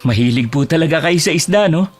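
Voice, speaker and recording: Casting: actor as a tired fish vendor, somewhat high voice, over faint music. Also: male voice, animated, fast talker. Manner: respectful with elders, exasperated with wife. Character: weary fish-vendor husband, polite to customers.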